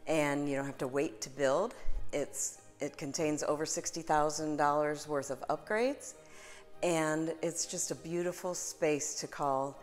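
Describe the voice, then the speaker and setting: A middle-aged woman, a real estate agent, walking through a house and pointing out its features in an upbeat, salesy way, filming on a handheld phone. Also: low-pitched. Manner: upbeat salesy tour guiding. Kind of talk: home tour walkthrough. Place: inside a house, then a kitchen. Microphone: phone camera, held at arm's length.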